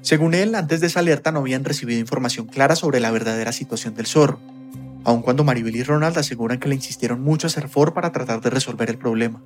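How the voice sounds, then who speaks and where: A man narrating a documentary podcast at a brisk clip, his voice sitting at a middle pitch. He reads a script with a measured, storytelling delivery. Faint music plays underneath.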